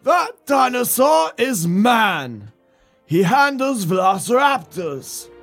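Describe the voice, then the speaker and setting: A man voicing an old theme park guide who proclaims loudly, grandly and haltingly in a comedic script reading. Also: extremely high pitch, sing-song, faint music behind, heavily acted. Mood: grand, proclaiming. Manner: loud, slow, emphatic proclaiming.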